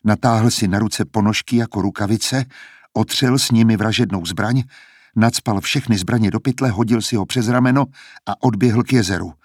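Husky guy reading an audiobook, steady pace, dry close mic. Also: on the low side, no room sound. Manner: steady, measured storytelling. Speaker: narrator. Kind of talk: audiobook narration.

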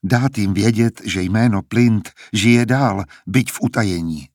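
A man's voice: lowish voice, dry recording, studio quality, natural voice. A man voicing an earnest, determined young runaway. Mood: heartfelt.

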